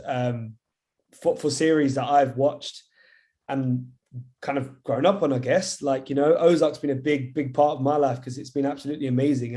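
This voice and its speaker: A man's voice: medium pitch, dark tone. A young man hosting a webinar, introducing his guests with gushing enthusiasm over a video call. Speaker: webinar host.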